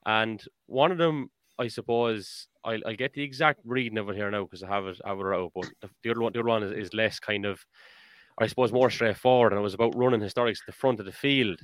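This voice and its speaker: A man's voice: fairly low pitch, quick pace, clear, resonant tone, dry recording. An Irish man hosting a podcast in a casual, conversational style. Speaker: podcast host. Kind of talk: casual chat.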